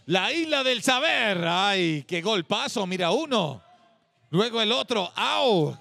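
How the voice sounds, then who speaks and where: A man hosting a competition show, commenting in an animated, exclaiming way. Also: sits high, takes it slowly, creaky. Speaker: host.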